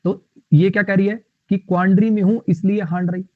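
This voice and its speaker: A man teaching English vocabulary in a live online class. He explains words with playful mnemonics and reads the English example sentences slowly. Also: high voice, little pitch movement, no room sound. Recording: tinny, phone-like line.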